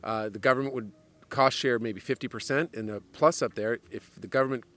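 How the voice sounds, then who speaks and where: A man's voice: medium pitch, steady tone, a bit bright. Man in an outdoor interview. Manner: measured, policy-focused, frequent fillers. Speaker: trade association president. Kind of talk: interview answers. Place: outdoors on a lawn. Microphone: handheld mic held by interviewer.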